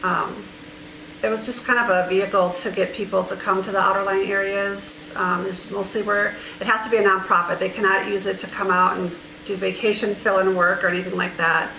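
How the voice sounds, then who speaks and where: A woman's voice: medium pitch, little pitch movement, fairly quick, gravelly, sharp tone, echoey room, slight background noise, low-quality recording. A woman on staff reporting to a board meeting, hesitant with frequent ums.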